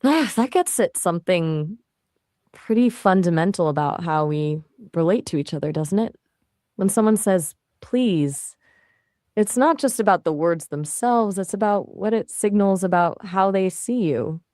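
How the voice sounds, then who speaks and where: A synthetic woman's voice of an AI assistant, answering questions in a relaxed, chatty way with casual fillers. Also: on the low side, normal speed, dry recording, clean studio sound.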